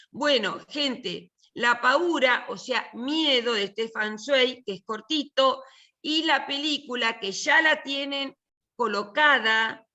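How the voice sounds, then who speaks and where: A woman's voice: a little high, pushed and bright. An older woman with an Argentine accent, teaching a literature and film class in a chatty, joking, colloquial way over a video call. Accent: Argentine Spanish. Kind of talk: casual online class talk.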